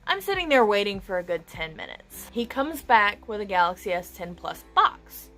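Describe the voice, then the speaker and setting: Young woman vlogger, casual storyteller, mid-pitched, animated retelling, plays out both sides of conversations. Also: moderate pace, soft background music. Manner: animated retelling full of quoted dialogue and fillers like "you know".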